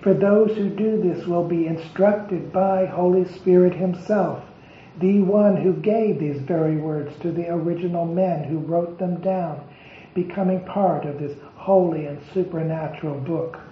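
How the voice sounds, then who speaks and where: A man's voice: high-pitched, a little hiss or hum. A man delivering a devotional sermon, stressing his words and stacking up lists of phrases with emphasis. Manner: emphatic, deliberate listing of phrases. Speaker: preacher. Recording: echoey, dull lo-fi recording.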